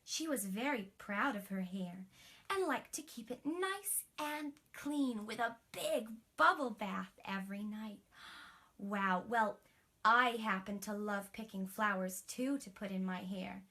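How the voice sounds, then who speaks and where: Playing a princess, a woman with a voice on the high side tells young children a bedtime story. She is expressive, adding breathy emphasis and chatty asides.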